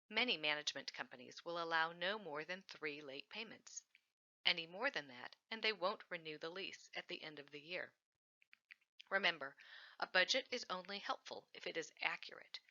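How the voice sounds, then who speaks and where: A woman reads a scripted training module in a clear, instructive way, leaning on key words for emphasis. Her voice sits fairly low but moves lively and has a very bright, tense edge. The audio is somewhat dull and lo-fi. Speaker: housing program trainer.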